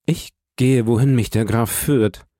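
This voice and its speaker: A man reading an audiobook, voicing a withdrawn, grieving young soldier who speaks quietly. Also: medium pitch, a little slow, no room sound, studio quality, natural voice. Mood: subdued. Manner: quiet, subdued. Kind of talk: audiobook character voice.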